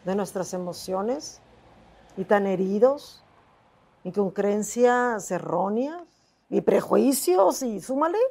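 A middle-aged Mexican woman appears as an interview guest and tells a personal story with emotion, speaking slowly in a medium-pitched, animated, gravelly, warm voice. She repeats herself often and acts out what other people said to her.

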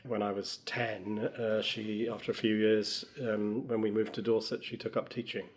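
A middle-aged man from Wales, a professor and former politician, answers interview questions as a guest, thoughtfully and with frequent fillers. His voice is fairly low with little pitch movement, at a moderate pace.

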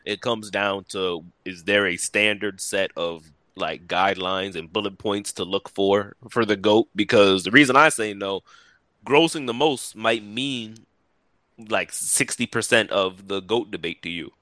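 Male panelist, casual debate. Bright, assertive, on the low side, slangy bro-style hype talk. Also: a little slow, no echo. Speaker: podcast panelist.

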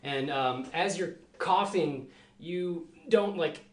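A slightly high-voiced man runs a horror tabletop game, narrating with plenty of "like" and "you know". His voice rings around an echoey room with clear background noise, and the mic sits a little away from him. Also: slow. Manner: loose, filler-heavy narration. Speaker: game master.

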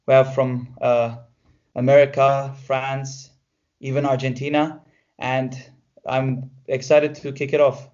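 A man's voice: medium pitch, flat delivery, slow, darkish tone, highs cut off. A man who works as a football coach, introducing himself plainly with many fillers.

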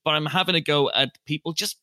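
A Northern Irish man talks in casual, bantering film discussion. His voice is bright and forward, recorded close and dry, and he leans into mock indignation as he makes his points. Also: a little high, quick pace, dry recording. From Northern Ireland. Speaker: film podcast host.

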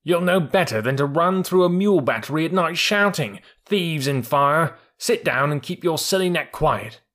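A man voicing a gruff, bossy old male army mule in a storybook, scolding in a brisk way. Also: a little high, lively intonation, fairly bright tone, pitched above the performer's own voice.

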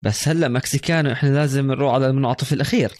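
A man, co-hosting a casual sports chat, who cuts in briskly and keeps the show on track. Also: medium pitch, a little mellow, dry recording, studio quality. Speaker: podcast co-host.

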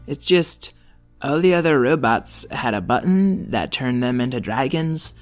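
A laid-back young robot slacker, played by a man, mopey and hesitant. The drawl is casual and unhurried, made for a children's audio story, with faint music behind. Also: mid-range voice, animated, lightly acted. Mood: dejected.

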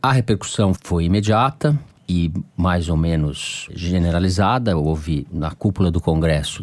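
A man hosting a political discussion podcast, recapping events and posing questions to the panel in a measured way. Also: low voice, a little mellow, no room sound. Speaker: podcast host. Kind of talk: political talk show moderation.

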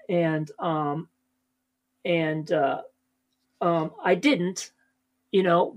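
As a podcast guest, a male stand-up comic with a high voice chats in a casual, rambling way, full of fillers and restarts.

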